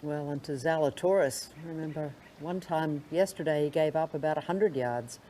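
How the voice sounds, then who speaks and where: A man working as a golf commentator, giving understated, measured live commentary between shots. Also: on the high side, dark tone, a little hiss or hum.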